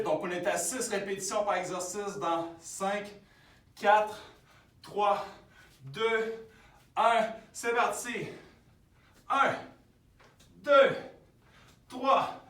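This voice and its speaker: Québécois man coaching a workout, echoey room. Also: distant mic. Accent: Québécois French. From Quebec. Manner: counts reps aloud, louder and higher during sets. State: exercising while talking. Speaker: fitness instructor. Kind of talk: guided workout with counting.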